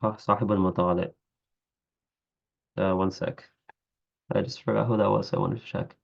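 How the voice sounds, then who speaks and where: A teacher with a fairly low, creaky voice reads a classical Arabic text aloud to his class in a flat delivery. He pauses often to explain in English and corrects his own slips and stumbles. The recording sounds slightly dull and lo-fi.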